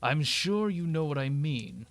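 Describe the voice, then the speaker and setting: A man's voice: a little high, lively intonation, unhurried, no room sound. A man doing a dry, reedy old merchant. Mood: sly. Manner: creaky put-on old man voice. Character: old male game merchant, rambling and scheming. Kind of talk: reading game dialogue aloud in voices.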